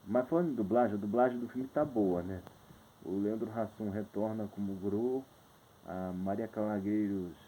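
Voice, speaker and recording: A man's voice: on the low side, a little mellow, a little hiss or hum, low-quality recording. A man with a Brazilian Portuguese accent giving a rambling, hesitant spoken film review, full of restarts.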